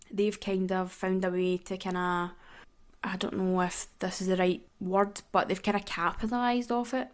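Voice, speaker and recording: A woman with a Glaswegian Scottish accent, hosting her podcast in a casual, rambling chat full of "kinda" and "like". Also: mid-range voice. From Glasgow, Scotland. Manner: chatty and rambling, with many "kinda" and "like" fillers. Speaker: podcast host.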